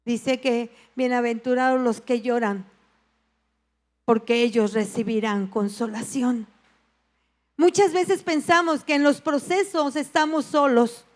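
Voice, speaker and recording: Animada pastora mexicana de voz aguda. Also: female voice, a little high, a little slow. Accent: Mexican Spanish. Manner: animated storytelling, acts out voices and prayers. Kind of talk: sermon with personal anecdote.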